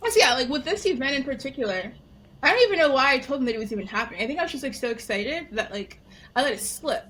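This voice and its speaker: A young adult woman in casual conversation, telling a personal story in an animated way, laughing often and saying "like" a lot. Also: high voice, fast. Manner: animated, laughing, heavy use of "like". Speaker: guest storyteller. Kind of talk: casual interview chat.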